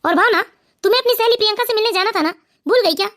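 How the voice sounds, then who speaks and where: A woman's voice: very high voice, very fast, fairly bright tone. A woman voicing a smug sneering son-in-law. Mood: casual. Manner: mocking, smug.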